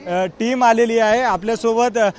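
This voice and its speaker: A man's voice: very high-pitched, steady tone, measured pace. A male TV reporter with a Marathi accent, interviewing outdoors at a festival with hesitant, filler-heavy questions. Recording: loud crowd noise behind.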